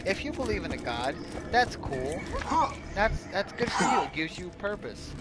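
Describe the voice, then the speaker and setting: A man with a slightly high voice rants casually and bluntly over loud music. He swears freely as he makes his points in loose, conversational talk. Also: sing-song, normal speed. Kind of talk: casual chat, ranting.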